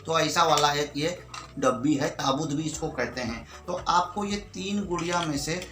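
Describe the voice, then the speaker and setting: A man's voice: on the high side, moderate pace, far from the mic. An Indian man giving a magic tutorial like a party magician, with showman patter, addressing viewers as friends. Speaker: magician demonstrating and selling magic tricks. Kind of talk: magic tutorial patter with counting and nonsense magic words. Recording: echoey room, off-mic, music behind.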